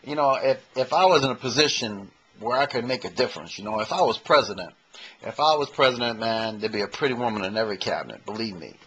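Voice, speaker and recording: Husky man in his fifties joking. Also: medium pitch, animated, quick pace, fairly bright tone, low-quality recording. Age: 50s. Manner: rambling and self-mocking, repeats himself. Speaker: amateur comedian and impersonator. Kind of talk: stand-up comedy monologue to camera. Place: his own room, indoors. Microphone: handheld camcorder mic.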